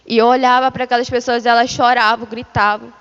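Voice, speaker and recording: A woman's voice: a little high, flat delivery, a little fast, fairly bright tone, clear, resonant tone, in a large hall, muffled recording. A woman giving a religious testimony of a vision, retelling it in a repetitive way and calling her listeners beloved. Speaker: church member giving testimony.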